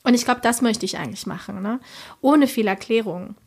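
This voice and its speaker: A woman from Chile with a slightly raised voice talks about her art in a casual interview. She muses aloud, pausing on fillers and tagging her sentences with little questions. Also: fairly high pitch, husky. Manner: reflective, many fillers and trailing "ne?". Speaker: painter, muralist guest.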